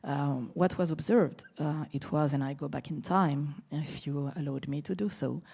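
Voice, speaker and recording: A woman with a French accent speaking as a panelist at a conference, thoughtful and pausing often with filler sounds. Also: low voice, gravelly, darkish tone, husky.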